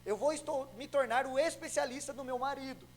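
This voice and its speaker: A young adult man from Brazil preaching a sermon as pastor, telling a story with acted-out dialogue and swinging between loud and soft. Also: extremely high pitch, fairly even intonation, a little fast, a little hiss or hum, poor audio. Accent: Brazilian Portuguese.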